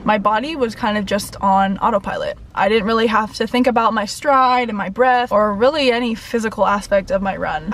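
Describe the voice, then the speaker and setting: A young woman chatting casually in a vlog, informal and emphatic. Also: a little high. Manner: informal, frequent "like" and emphatic words. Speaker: lifestyle and running vlogger.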